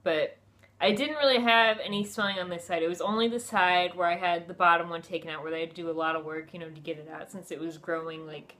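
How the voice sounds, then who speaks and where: A woman's voice: fairly low pitch, quick pace, a bit bright. Chatty young woman telling a personal story. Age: 20s. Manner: chatty, conversational, frequent "like" and "you know". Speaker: vlogger. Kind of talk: casual personal storytelling to camera. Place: furnished room at home, indoors.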